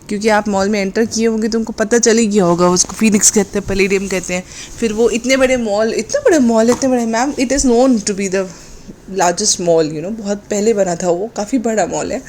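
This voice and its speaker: A woman delivers a sarcastic, mocking vlog commentary in a mellow, warm voice, dropping English phrases into her talk. Faint noise sits underneath. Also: mid-range voice. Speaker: commentary vlogger.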